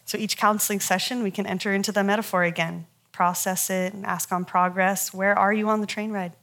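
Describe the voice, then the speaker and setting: Leading a counseling workshop, a woman speaks in a relaxed, conversational teaching manner at middle pitch, a little fast, with fairly bright tone, little pitch movement, and vocal fry. Laughing often, she shares animated stories from her own sessions and talks straight to her audience.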